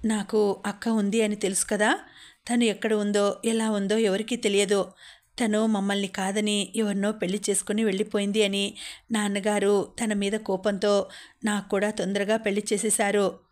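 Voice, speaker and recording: A caring young wife who apologizes and comforts her husband, as a woman narrator voices her. Her speech is soft and soothing, with a middle pitch kept flat and level, in an audiobook story. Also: moderate pace, lightly acted. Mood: pleading. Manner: soothing, pleading.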